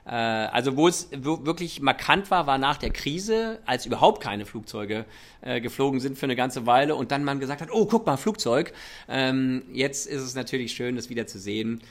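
An airline chief executive, tied to both Germany and the United States, answers interview questions in German with a slight American accent, hesitating as he searches for words and mixing in English business terms. His medium-pitched voice is fairly bright and moves at a moderate pace.

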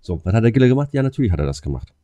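A man's voice: on the low side, sing-song, rapid-fire, mellow, muffled recording. A man in casual conversation, talking bluntly with slang and lots of filler words and restarts. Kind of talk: casual chat.

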